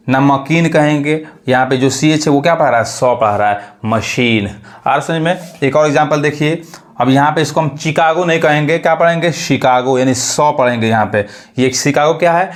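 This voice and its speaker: A man teaching English pronunciation, who explains step by step and asks and answers his own questions. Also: fairly high pitch. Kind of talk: pronunciation lesson.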